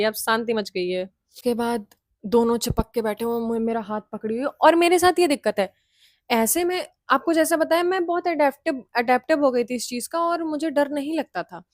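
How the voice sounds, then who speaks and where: A woman's voice: a little high, no echo, clean studio sound. A young woman casually telling a hostel ghost story, chatty, slipping in English phrases and laughing often.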